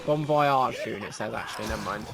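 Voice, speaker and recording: A man's voice: mid-range voice, a little fast, gravelly. A man giving casual game commentary as a channel host, chatty and prone to correcting himself.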